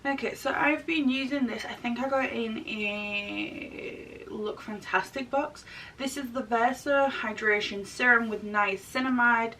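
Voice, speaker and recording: A woman's voice: steady tone, unhurried, sharp tone. A woman in her thirties chatting casually through a makeup tutorial while getting over a throat and chest infection. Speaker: makeup artist and vlogger. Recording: distant mic, rumbly background noise.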